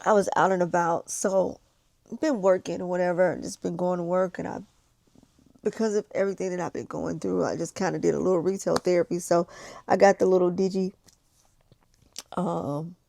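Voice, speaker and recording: Creaky-voiced woman with toothless articulation. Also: lowish voice, steady tone, normal speed, dark tone. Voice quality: missing-teeth, slightly slushy toothless articulation. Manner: candid, repeats phrases for emphasis. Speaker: vlogger. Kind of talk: casual confessional vlog chat. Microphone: small handheld vlogging camera.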